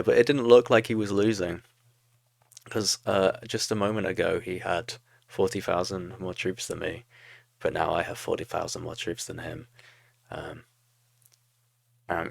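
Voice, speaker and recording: A man's voice: low-pitched, gravelly, no room sound, clean studio sound. A young man casually commentating his own strategy game replay, thinking aloud and criticizing his own moves with a laugh. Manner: self-critical, talks through moves, laughs at own mistakes.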